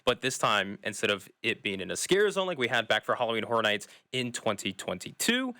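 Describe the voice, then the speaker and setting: A man's voice: lowish voice, very animated, a little fast, sharp tone, no echo, clean studio sound. A man hosting a casual podcast chat, talking with enthusiasm. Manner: enthusiastic, with restarts. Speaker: podcast host.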